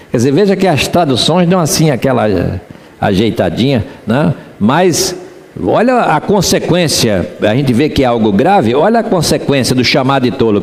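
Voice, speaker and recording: A man's voice: mid-range voice, big-room sound. A man pastor with a Rio de Janeiro accent, preaching a sermon in church and asking the congregation rhetorical questions. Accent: Rio de Janeiro Portuguese.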